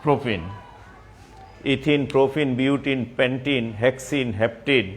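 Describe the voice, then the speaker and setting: A man teaching a chemistry class, repeating terms slowly and spelling out formulas step by step. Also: mid-range voice, steady tone. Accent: Bangladeshi Bengali. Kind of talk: classroom lecture.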